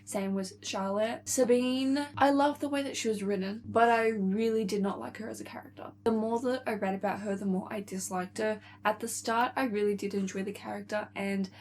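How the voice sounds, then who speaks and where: A woman's voice: mid-range voice, steady tone, normal speed, few pauses, darkish tone, a little hiss or hum. A young woman vlogger chatting casually about books she is reading, gushing and chatty with lots of "like" and "really". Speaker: book vlogger.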